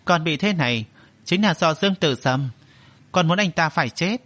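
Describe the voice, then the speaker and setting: A man's voice: fairly high pitch, animated, normal speed, fairly bright tone. A man voicing a bitter, vengeful young man in an audio story, speaking coldly and curtly. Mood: irritated. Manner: cold and curt.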